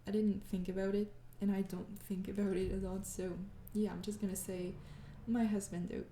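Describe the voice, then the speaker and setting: A young Frenchwoman, an ASMR creator, answers fan questions in a soft, casual Q&A, her mid-range voice level and moderately paced. She sounds tired, hesitant and apologetic, laughing softly and drifting into whispers. The room sounds spacious, with a faint hiss or hum.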